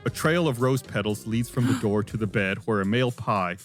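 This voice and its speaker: A man's voice: lowish voice, brisk. A man narrating as game master in a playful way, often breaking into laughter. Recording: faint music behind.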